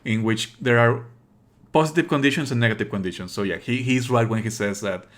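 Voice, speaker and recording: Casual game commentary comes from a male livestreamer with a medium-pitched voice. He voices scornful opinions, swears, and explains haltingly, repeating phrases as he goes.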